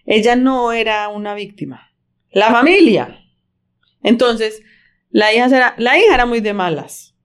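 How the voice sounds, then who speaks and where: Woman, co-host, slightly high voice, emphatic, repeats points, tells anecdotes. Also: a little slow, clear, resonant tone. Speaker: podcast co-host. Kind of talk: casual chat.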